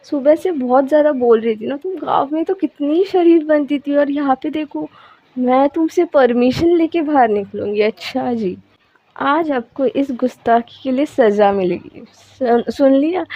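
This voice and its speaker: A woman's voice: sits high, a little slow, no echo. A woman voicing a drunk, angry young woman who scolds and teases in a slurred, mocking way. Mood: teasing, threatening. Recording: dull lo-fi recording.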